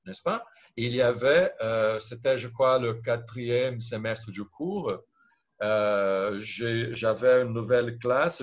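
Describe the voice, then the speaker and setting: A man from Brazil speaking French with a Brazilian Portuguese accent, talking hesitantly on a video call at a panel, often checking in with "d'accord?". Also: medium pitch. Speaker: panelist teacher. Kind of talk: video call round-table talk.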